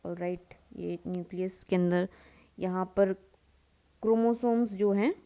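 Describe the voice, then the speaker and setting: A woman's voice: lowish voice, steady tone, unhurried, highs cut off. A young woman teaching a biology lecture, drawing as she explains, asking her students questions, answering them herself, and slipping English terms into her Hindi. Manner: calls listeners "beta" and mixes English into the talk. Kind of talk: classroom lecture while drawing.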